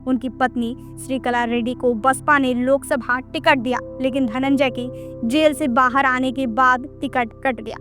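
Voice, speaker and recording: A woman's voice: high voice, fairly even intonation, measured pace, a bit bright, faint music behind. A woman reading a scripted, dramatic narration in the manner of a storyteller.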